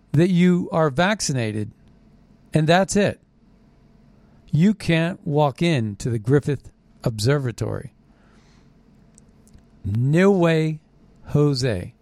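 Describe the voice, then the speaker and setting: A man's voice: fairly high pitch, darkish tone, no room sound. Suspicious, ranting American man, close dry sound. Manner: emphatic, repeats phrases for stress. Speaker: commentary show host. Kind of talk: unscripted political rant monologue.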